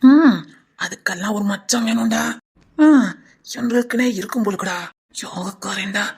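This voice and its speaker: A woman's voice: medium pitch, normal speed, creaky, darkish tone, breathy edge. Chattering Tirunelveli woman comedian. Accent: Tirunelveli Tamil. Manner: nosy, chattering, teasing. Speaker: sketch comedian. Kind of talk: comic sketch, gossiping bus passengers.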